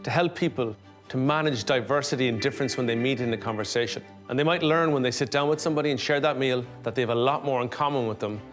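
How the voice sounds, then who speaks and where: A man explains things as an expert being interviewed. He talks quickly and earnestly in articulate long sentences, with faint music in the background. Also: mid-range voice. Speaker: behaviour expert.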